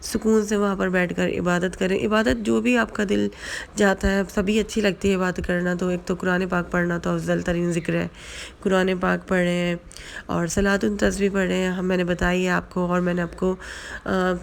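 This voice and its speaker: A woman giving casual religious advice in a vlog, hoarse from a flu and sore throat, chatty and full of repeated fillers. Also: fairly low pitch, little pitch movement. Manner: chatty, repeats fillers, mixes in English words. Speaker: vlogger.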